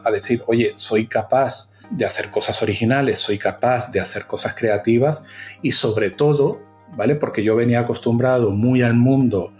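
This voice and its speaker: Guest, male, middle-aged, Venezuelan-Canarian accent, eager talker, mid-pitched, faint music bed. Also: moderate pace, darkish tone. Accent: mixed Venezuelan and Canarian Spanish. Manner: enthusiastic, frequent tag questions. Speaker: guest, agency founder. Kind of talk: casual interview.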